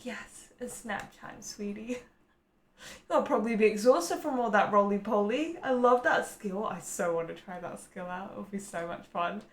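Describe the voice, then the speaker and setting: A woman with a mid-range voice and a moderate pace reacts casually to game trailers, gushing playfully with lots of admiring exclamations as a gaming video reactor. The recording has a roomy echo, with game trailer music behind her.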